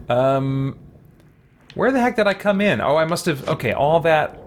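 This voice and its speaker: This streamer has a fairly high, very animated voice and takes his time, musing aloud as he plays a video game on his livestream. Behind his casual host chatter come game sounds, character voices and a little background noise.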